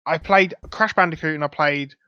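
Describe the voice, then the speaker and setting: Young male host, eager and rambling, a little high-pitched, dull dry mic sound. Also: moderate pace, bright, forceful tone, clear, resonant tone, no room sound. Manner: chatty, enthusiastic, rambling. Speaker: podcast host. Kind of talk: casual chat.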